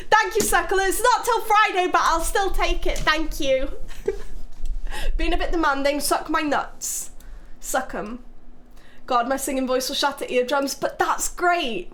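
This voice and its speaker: A woman's voice: high-pitched, fairly bright tone. A young English woman hosting a live stream, chatting casually with her chat, swearing freely and teasing people in a playful way. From England. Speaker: livestream host.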